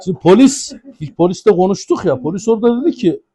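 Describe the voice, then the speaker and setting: A man's voice: high voice, expressive, fast talker, warm tone. A man with an Ankara accent telling a funny anecdote, animatedly acting out the dialogue. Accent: Ankara Turkish. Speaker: storyteller guest.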